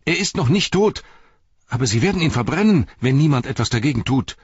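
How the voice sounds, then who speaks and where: A man voicing a frightened young hobbit who pleads in a high, urgent rush of words, in a dull, dry recording. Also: animated, fairly quick, husky, dry recording. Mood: desperate.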